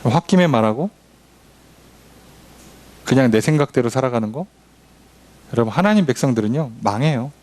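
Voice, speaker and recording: A man's voice: mid-range voice, lively intonation, normal speed, pauses often, a little mellow. A man, a pastor, teaching a midweek Bible study in a conversational way, often asking the congregation questions and acting out quoted lines. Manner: frequent affirming fillers and questions to the congregation.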